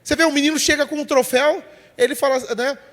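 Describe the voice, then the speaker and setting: A man delivers a sermon in a bright, high voice. He is emphatic and direct, calls listeners "brother" and acts out the people in his examples. His words carry a long reverb from a church hall. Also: steady tone, fast. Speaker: preacher.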